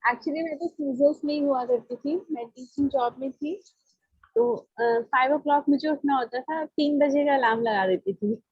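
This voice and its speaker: Woman participant with a high voice, chatty and hesitant, dry lo-fi sound. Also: normal speed, dry recording. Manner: chatty, hesitant fillers, self-mocking. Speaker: former teacher, participant.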